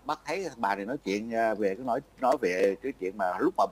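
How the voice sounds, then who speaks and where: A man's voice: lowish voice, lively intonation, fast. An older man from Vietnam, chatting casually as an interviewee, rambling and breaking off with frequent laughs. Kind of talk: casual chat.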